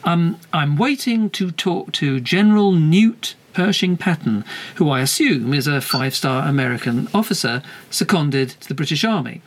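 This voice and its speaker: A man's voice: a little high, lively intonation, moderate pace, slight background noise. A man playing a polite, slightly hesitant and anxious podcast host in a comedy interview. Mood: measured.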